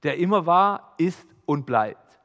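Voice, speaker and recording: German pastor preaching in a hall. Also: male voice, fairly high pitch, lively intonation, slow, dull audio. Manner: dynamic preaching, swings between hushed and loud. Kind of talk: sermon.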